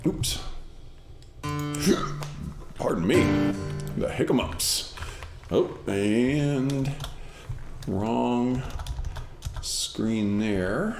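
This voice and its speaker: A man streaming while he composes, thinking aloud in a halting, self-correcting way in casual livestream talk. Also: medium pitch. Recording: roomy sound with guitar behind.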